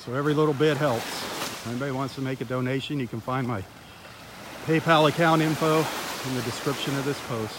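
A man's voice: mid-range voice, fairly even intonation, a little fast. A man hosting a live beach walk stream outdoors, chatty and enthusiastic as he talks straight to his viewers through a handheld phone. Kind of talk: casual live-stream narration. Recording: loud outdoor noise of surf and wind.

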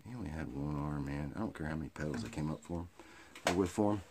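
A middle-aged American man with a hick drawl and a gravelly, raspy voice, rambling through off-the-cuff comedy to camera in a crude, rowdy redneck manner. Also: rumbling low, quick pace, warm tone, a little hiss or hum. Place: small cluttered indoor storage room or workshop. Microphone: phone or webcam at arm's length.

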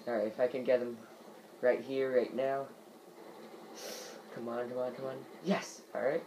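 A man's voice: mid-range voice, little pitch movement, moderate pace, noisy background. A man giving let's play commentary, muttering to himself while he plays. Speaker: gamer.

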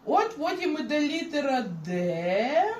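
A woman teaching a beginner language lesson, explaining slowly and patiently with examples. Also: sits high, big pitch swings, echoey room, a little hiss or hum.

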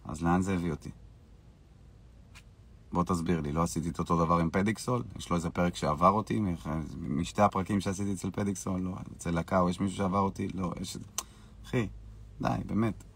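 A man with a very deep, gravelly voice hosts a live stream, answering viewers' questions in a loose, casual way. He sounds brash and boastful and brushes off critics. His low, rough voice fits his dismissive tone. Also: fairly even intonation.

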